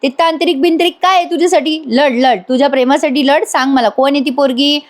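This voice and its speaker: A nosy older head of the household keeps pressing and prodding. It comes out in a high voice, as a woman narrator puts him on. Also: steady tone, fast, close to an everyday voice. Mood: insistent. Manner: prodding, insistent.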